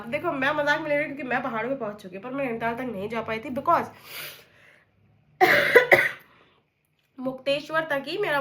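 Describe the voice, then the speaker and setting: Chatty high-voiced young woman vlogger. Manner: chatty and animated, mixing English phrases into her story. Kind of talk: casual storytelling vlog.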